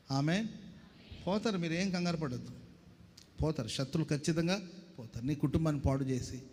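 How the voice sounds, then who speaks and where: A man's voice: a little high, darkish tone, in a large hall. A male pastor preaching a sermon, calling on the congregation to answer and acting out the people he quotes. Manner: preaching, calls for congregation responses, acts out quoted voices.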